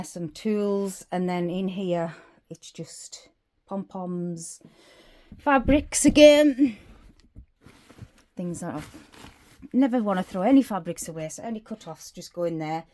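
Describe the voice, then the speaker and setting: A woman with a lowish, slightly mellow voice tours her small craft room for her crafting vlog. She's a little out of breath and chatty, rambling on as she lists off her supplies.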